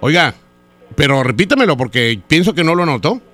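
A man's voice: fairly high pitch, sing-song, brisk, fairly bright tone. A Mexican radio host making a prank phone call, teasing and flirty, drawing out his words.

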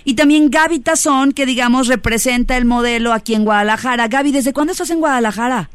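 A woman's voice: sits high, quick pace, smooth, no room sound. A woman radio host in a dry, close studio sound. She introduces guests with playful, exclamatory energy. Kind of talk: radio talk show hosting.

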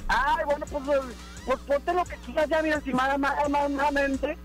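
A man's voice: extremely high pitch, fairly even intonation, moderate pace, a bit bright, faint music behind. A man calling in to a radio show, joking and giggling. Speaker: caller.

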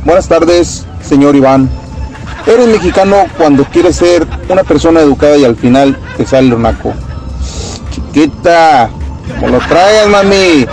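Loud, teasing Mexican man caller. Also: a little high, lively intonation, a little slow, soft background music, poor audio. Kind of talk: voice message.

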